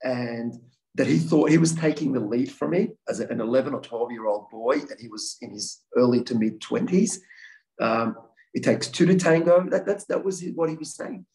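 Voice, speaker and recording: A man's voice: mid-range voice, lively intonation, moderate pace, a little mellow, poor audio. A man in his forties giving a talk as a guest speaker and answering audience questions, earnest, often restarting and repeating words. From Australia. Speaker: guest speaker, victims' advocate.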